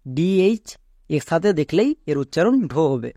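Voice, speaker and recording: A man's voice: a little high, expressive, normal speed, warm tone, no room sound, clean studio sound. A man teaching English pronunciation, spelling words letter by letter and answering his own questions. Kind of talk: spelling-out phonics lesson.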